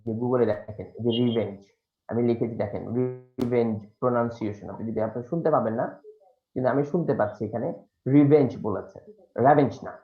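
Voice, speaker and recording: A man's voice: mid-range voice, fast talker, faint music behind. A man teaching a live online class, correcting a student's pronunciation patiently with some fillers. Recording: dull, echoey room sound.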